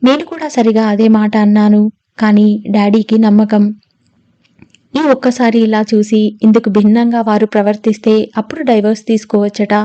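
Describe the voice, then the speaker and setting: A woman's voice: mid-range voice, steady tone, normal speed, dark tone, muffled recording, natural voice. A woman reading the part of a spirited young woman who protests emphatically in a storybook reading. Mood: indignant.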